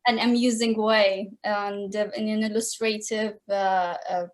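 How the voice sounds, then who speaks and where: A woman's voice: medium pitch, steady tone, measured pace. A woman in her thirties from Iraq, speaking as a podcast guest over a video call, hesitant and searching for words. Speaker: guest, concept artist. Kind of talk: podcast interview. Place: room at home.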